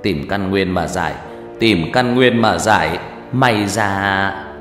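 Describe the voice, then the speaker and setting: A man voicing a spirit medium possessed by a stern dead grandfather, talking slow and heavy. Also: low voice, a bit bright. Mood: grave. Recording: reverberant room with faint music.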